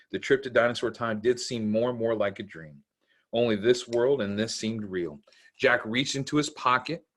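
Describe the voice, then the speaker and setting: A man's voice: mid-range voice, fairly bright tone. A man narrating a children's storybook aloud, in simple storytelling meant for kids. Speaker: camp executive director reading to children.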